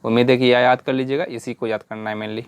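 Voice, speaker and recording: A man's voice: mid-range voice, level tone, fast, clear, resonant tone. A man teaching a lesson in a patient way, drilling lists and spelling out letters while he keeps asking "right?" and "okay?". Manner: patient, repeats "है ना" and "ठीक है" often. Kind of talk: whiteboard lesson.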